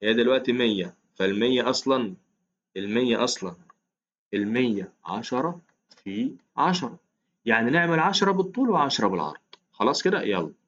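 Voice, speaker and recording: Fast-talking Egyptian man teaching math. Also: medium pitch, animated, fairly bright tone, muffled recording. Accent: Egyptian Arabic. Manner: chatty, coaxing, counts aloud, calls listener "ya 3am". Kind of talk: casual explained lesson.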